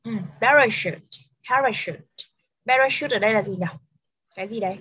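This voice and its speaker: A woman teaching an English lesson over a video call, switching between Vietnamese and English and repeating words slowly for dictation. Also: on the high side, a bit bright, husky, rough recording.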